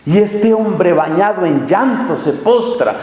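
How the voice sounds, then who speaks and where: A man preaching a sermon, telling stories dramatically with big swings in pitch and pace. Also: expressive, takes it slowly, a little mellow. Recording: echoey church hall.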